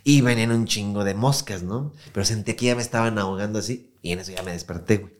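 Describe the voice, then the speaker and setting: A man's voice: lowish voice, fast talker. Slangy Mexican man telling a story. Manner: slangy, animated, acts out quoted voices. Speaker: podcast host. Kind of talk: casual storytelling chat.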